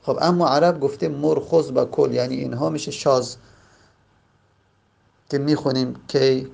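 A man teaching a grammar lesson, explaining step by step and drawing out example words slowly. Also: medium pitch, steady tone, vocal fry, a little mellow. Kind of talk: classroom lesson.

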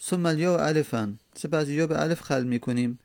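A man lecturing on Arabic grammar, explaining each step and repeating words slowly to drill them. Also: a little high, creaky, darkish tone, no echo, clean studio sound. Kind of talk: classroom lecture on Arabic morphology.

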